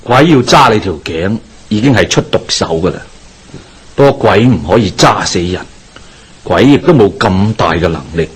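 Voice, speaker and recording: Here a Hong Kong Cantonese-accented man takes the role of a Taoist exorcist master for a radio drama, calm and commanding. His delivery is formal, measured and knowing, on the low side with a slightly rough texture.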